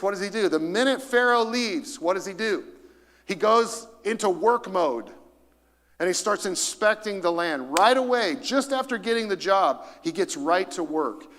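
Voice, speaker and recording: A man preaching in a church sanctuary, his voice sitting a bit high for a man. He presses his points through emphatic repetition and calls on the congregation to read along. A long reverb trails behind every phrase. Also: a bit bright. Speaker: pastor. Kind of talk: sermon.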